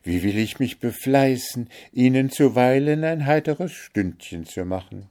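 A man's voice: medium pitch, animated, a little slow, darkish tone, voice pushed up, lightly acted. A man voicing a timid, sweet young girl from a fairy tale in a storybook reading. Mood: glad.

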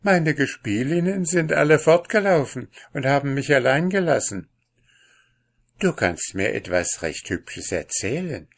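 A man voicing a cheerful, carefree young princess in a fairy tale, with a bright, playful manner. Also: on the high side, very animated, unhurried, creaky, voice pushed up, full character voice.

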